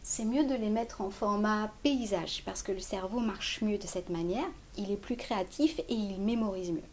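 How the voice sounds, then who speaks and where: A woman with a French accent teaches songwriting, explaining slowly and counting and scatting rhythms aloud. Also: medium pitch. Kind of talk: music lesson.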